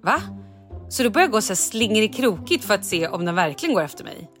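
A woman's voice: medium pitch, sing-song, fairly bright tone, faint music behind. A woman hosting a podcast in casual chat, telling a story with animation and acting out her own lines. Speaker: podcast host.

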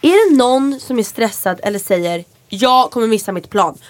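Animated Swedish podcast woman, dry sound. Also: a little high, dry recording. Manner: animated storyteller, acts out quotes. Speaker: podcast co-host. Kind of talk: casual chat.

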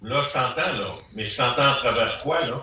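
A man's voice: mid-range voice, animated, brisk, sharp tone. A man, a remote guest on a call, sounding puzzled as he works through a connection problem. His voice comes back with an echo, relayed through another device. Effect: echoing, repeating sound relayed through another device. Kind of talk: casual chat. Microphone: laptop or phone on a video call, far from the device. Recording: echoey, distant call audio.

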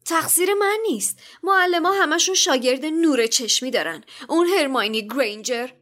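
A woman voicing a spoiled, sneering rich schoolboy with a whiny, quick-tongued manner. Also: sits high, fairly bright tone, pitched above the performer's own voice.

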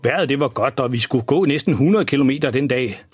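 A man's voice: medium pitch, husky, no echo, faint music behind, close to an everyday voice. A man playing an embarrassing, boastful father who rambles through tall tales in a children's story. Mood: rambling. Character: boastful, embarrassing dad, tall-tale teller.

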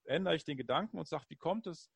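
A man in casual conversation, telling personal stories in an animated, upbeat way. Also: on the high side, fast talker, vocal fry, breathy edge, no room sound.

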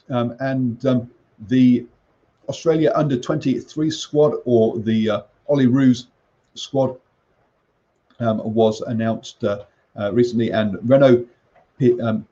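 A man presenting a morning sports briefing in a halting, hesitant way full of ums. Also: mid-range voice, mellow, lo-fi sound. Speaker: sports show host. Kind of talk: morning sports news briefing, loosely scripted. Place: makeshift home studio under a roof in rain.

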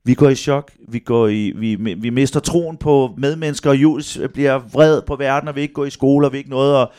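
A man's voice: mid-range voice, smooth. A middle-aged man telling family stories in a casual podcast chat, acting out quotes in shifting voices. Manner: animated storyteller who acts out quotes in shifting voices.

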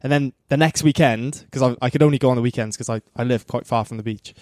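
A man's voice: medium pitch, quick pace, darkish tone, no room sound, clean studio sound. A man in his early twenties from South Wales with a Cardiff accent, chatting casually. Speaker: podcast guest, competitive surfer. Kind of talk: casual chat.

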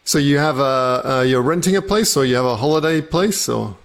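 A man hosting a podcast talks with a guest in a relaxed, easy way. His voice sits at an ordinary pitch for a man, with the odd filler between phrases. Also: fairly quick. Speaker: podcast host. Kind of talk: casual interview talk.

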